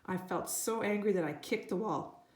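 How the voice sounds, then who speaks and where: A woman reading a children's book aloud at a mid pitch, storytelling with lively energy. Her voice bounces around an echoey room. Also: moderate pace. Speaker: reader. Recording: roomy echo.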